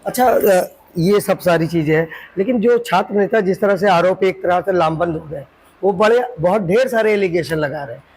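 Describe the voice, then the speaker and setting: A man's voice: sits high, normal speed, darkish tone, slight background noise, poor audio. A man interviewing, asking probing questions with hesitant fillers.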